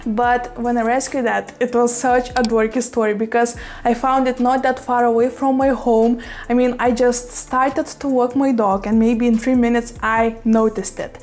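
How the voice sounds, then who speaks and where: A woman with a strong Russian accent talking casually to the camera at home about her rescued houseplants, chatty and quick to laugh. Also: a little high, flat delivery, a little mellow, soft background music. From Lithuania. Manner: chatty, laughs often, says "you know" a lot. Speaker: plant vlogger. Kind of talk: casual vlog chat. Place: home room with plants.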